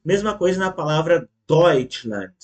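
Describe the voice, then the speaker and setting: Slow, patient language teacher man. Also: a little high, animated. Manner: slow, patient, repeats words for the learner; ends phrases with checking tags. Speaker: German teacher. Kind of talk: online language lesson.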